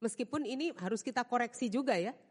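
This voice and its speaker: A woman's voice: on the high side, quick pace. A woman preacher, giving a humorous sermon in a church, telling stories and laughing often. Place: church with balcony. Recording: long reverb of a church hall.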